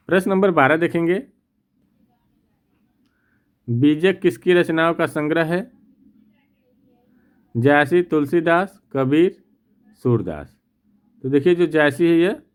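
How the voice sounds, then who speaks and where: A man with a fairly high voice talks slowly and patiently through a practice quiz. He reads out every option, then explains the answer in a steady, methodical way. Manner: repeats "theek na" to check. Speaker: teacher. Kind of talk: exam practice lesson.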